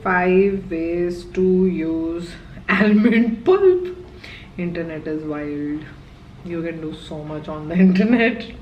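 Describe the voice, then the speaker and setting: A young woman vlogging in a casual, excitable chat, talking while she eats. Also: fairly low pitch, slow, a little hiss or hum. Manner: chatty and excitable, talks while eating. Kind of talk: casual vlog chat, mixing Hindi and English. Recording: echoey room, slightly dull lo-fi sound.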